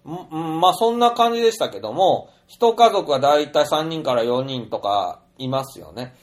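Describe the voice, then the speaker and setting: A man's voice: fairly high pitch, moderate pace. A middle-aged man telling an anecdote in a chatty, rambling monologue full of fillers. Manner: chatty storyteller, animated, many fillers. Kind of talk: casual monologue.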